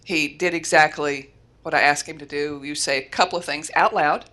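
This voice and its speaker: A woman from Florida, a guest mindset coach, telling a lively story in an interview and correcting herself as she goes. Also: sits low, moderate pace. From Florida, USA. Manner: lively storyteller, self-correcting, laughs often.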